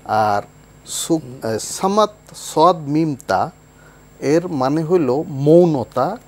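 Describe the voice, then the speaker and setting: A male Islamic scholar, a guest on a television talk show, speaking in a somewhat high voice. He explains ideas thoughtfully and recites Arabic phrases with care. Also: expressive, extremely slow, a little mellow. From Bangladesh. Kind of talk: explanatory religious discussion.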